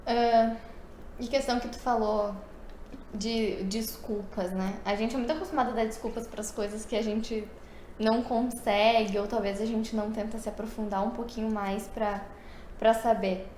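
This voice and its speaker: A woman's voice: fairly high pitch, fairly even intonation, normal speed, darkish tone. A woman co-hosting a casual podcast, reflecting on points and asking thoughtful follow-up questions. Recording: roomy echo with faint background noise.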